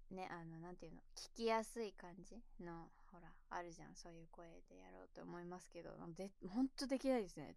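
A young woman chatting casually while a little tipsy. She answers viewer questions and rambles, giggles, and trails off into mumbles. She calls her natural voice low. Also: gravelly, darkish tone, no echo. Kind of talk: casual chat. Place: at home, sitting on the floor.

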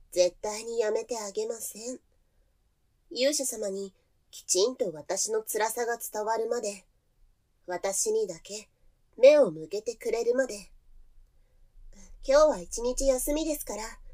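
A devoted, possessive woman who has waited centuries for her hero, played by a woman in an adult audio drama. She speaks very slowly in a fairly high voice. Her manner stays sweetly polite, with a quiet menace beneath it. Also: lightly acted.

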